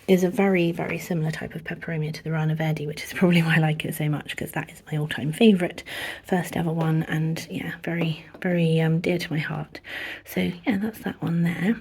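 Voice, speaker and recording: A woman with a cold and short of breath, giving a casual tour of her houseplants in a soft, half-whispered, hesitant voice at home. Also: lowish voice, vocal fry, breathy edge. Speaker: houseplant vlogger. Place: indoors at home among houseplants.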